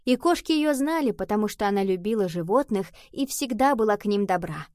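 A woman voicing an eager schoolgirl giving a story to her class in a children's audiobook, lively and keen. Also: mid-range voice, fairly quick, no echo, clean studio sound, close to an everyday voice. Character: eager schoolgirl telling a tale.

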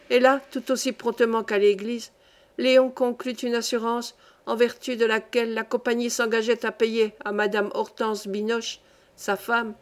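A woman reading a classic novel aloud as an audiobook, in a steady, measured manner. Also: a little high. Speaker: audiobook reader. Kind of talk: literary audiobook narration.

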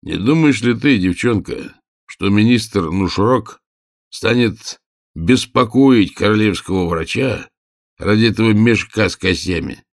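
Brief: a man doing a brutal overseer, gruff and gravelly, slow threats, low voice, dry sound. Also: dry recording. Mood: menacing. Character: cruel male overseer with a whip.

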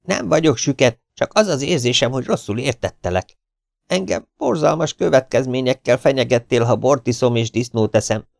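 A man voicing an excitable, easily frightened male camp master who pleads in a high, shrill voice. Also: vocal fry, no room sound, clean studio sound. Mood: alarmed.

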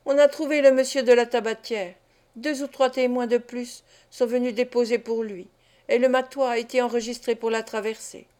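A woman voicing an excitable young pickpocket. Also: on the high side, moderate pace, natural voice. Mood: mournful. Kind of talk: audiobook character reading.

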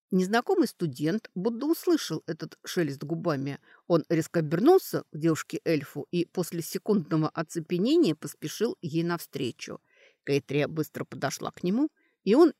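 Lively expressive audiobook narrator. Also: medium pitch, no echo, studio quality.

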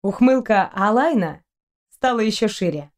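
Audiobook narration: woman reader, steady storytelling. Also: medium pitch, moderate pace. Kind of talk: scripted narration.

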